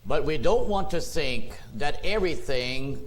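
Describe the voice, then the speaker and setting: A male pastor delivers a sermon at a very unhurried pace, stretching key words out for weight. His voice sits a little high for a man. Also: animated, poor audio. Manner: slow, deliberate preaching with drawn-out emphasis. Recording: church sermon tape.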